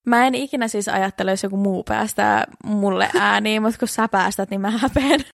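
A woman's voice: mid-range voice, vocal fry, no echo, clean studio sound. A young woman co-hosting a podcast, in casual chat with teasing, wry banter. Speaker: podcast co-host.

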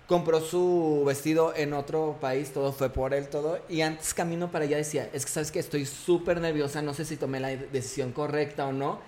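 A man's voice: a little high, steady tone, fairly quick, few pauses, a little mellow, a little hiss or hum. A man co-hosting a casual podcast, giving reassuring advice in a conversational way. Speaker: podcast co-host, wedding planner.

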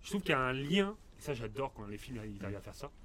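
A man's voice: medium pitch, sing-song, fast talker, a bit bright. A man co-hosting a casual podcast chat, enthusiastic and full of hesitations, recorded in a mountain refuge. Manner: enthusiastic, hesitant with many fillers. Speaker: podcast co-host.

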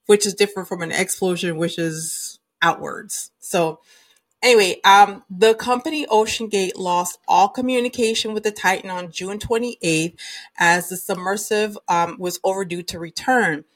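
A woman hosts her own podcast, chatting casually about the news. She rambles a little, leaning on fillers, and her pitch sits in a middle range. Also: moderate pace. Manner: chatty, uses many fillers like um and you know. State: recovering from a cold and sinus infection. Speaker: podcast host. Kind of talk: casual solo podcast talk.

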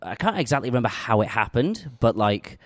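A man's voice: mid-range voice, sing-song, brisk, no room sound, studio quality. A man from the north of England with a Yorkshire accent, a head brewer chatting as an interview guest, laughing often and restarting his sentences. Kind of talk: casual interview chat. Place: brewery tap room.

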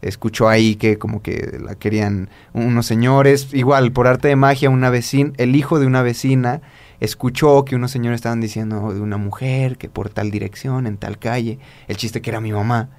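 The man speaks at normal speed with a medium pitch, fairly even intonation, and a darkish tone. He has a Mexican accent and, as a podcast co-host, tells a spiritual story in loose talk packed with restarts and fillers.

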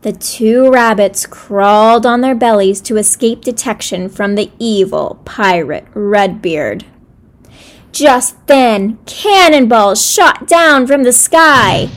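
Gentle woman reading a children's story. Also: a little high, expressive, takes it slowly.

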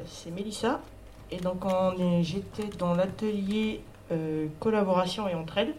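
A woman from French Guiana reports back from a workshop in a halting way, with many fillers. Her voice is mellow and dark. A faint background noise sits under it. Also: lowish voice. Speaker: artist, workshop spokesperson. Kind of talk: spoken report to a group.

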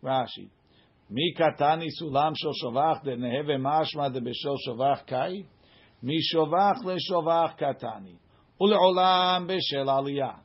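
At a moderate pace, a man with a slightly high, breathy voice teaches an informal Talmud class. He reads the text and unpacks it forcefully in a question-and-answer style, captured on a muffled, lo-fi recording.

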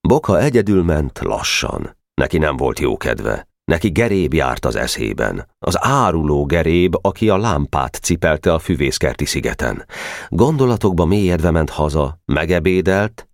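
A man narrates an audiobook in a very deep voice. His storytelling is expressive, with a lively, varied melody. The recording is dry and close. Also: no room sound. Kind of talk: audiobook reading.

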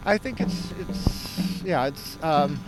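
A man who is a protester speaking reflectively and haltingly in an interview outdoors by a road. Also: fairly high pitch, expressive, music in the background, low-quality recording. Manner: halting, repeats words.

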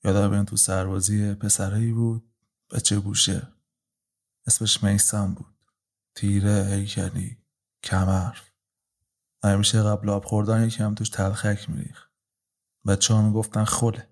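A man voicing a heavy, patient older man in his fifties who speaks slowly and calmly in an audio drama. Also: on the low side, lightly acted. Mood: muttering. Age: 50s. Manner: slow, calm, muttering.

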